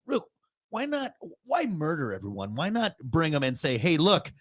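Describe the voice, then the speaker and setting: A man's voice: a little high, wildly swooping pitch, normal speed, slightly rough. A man hosting a casual podcast from home, joking and laughing often. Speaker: podcast host. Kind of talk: casual chat. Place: home recording room.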